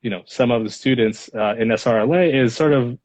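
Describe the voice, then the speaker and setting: This guest is a lawyer in his thirties from Los Angeles, a native Spanish speaker who answers interview questions thoughtfully, padding them with fillers. He speaks briskly at a medium pitch with a darkish tone, captured on dull lo-fi audio.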